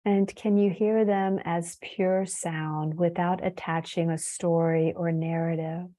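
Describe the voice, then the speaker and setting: A yoga teacher guides a meditation in a soothing, unhurried way, leaving long pauses between phrases. Her voice is fairly low, dark in tone and flat in delivery.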